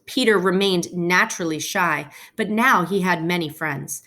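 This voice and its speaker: Reading a storybook to small children, this female teacher speaks deliberately and leaves pauses for them to follow along. She has a lowish voice with a sharp edge.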